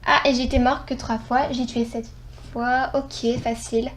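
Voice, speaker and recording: A woman hosting a gaming channel, chatting casually through her gameplay, excitable and rambling, often correcting herself. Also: fairly high pitch, a little slow, slight background noise.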